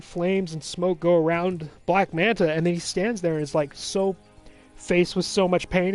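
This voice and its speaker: A man hosting a let's play, chatting casually and recapping a film in a rambling, animated way full of fillers. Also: high voice.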